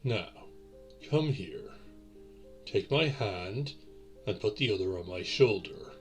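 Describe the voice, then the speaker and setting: In a romantic audio roleplay, a man plays a courtly vampire boyfriend centuries old, using formal, old-fashioned, deliberate phrasing. His voice sits on the low side, and the mood is tender and guiding.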